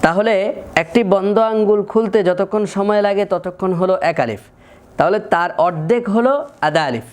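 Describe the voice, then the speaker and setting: High-voiced man teaching Quran pronunciation. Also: brisk, clear, resonant tone. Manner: patient, methodical, repeats sounds to demonstrate. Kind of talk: slow, deliberate lesson with repeated sample sounds.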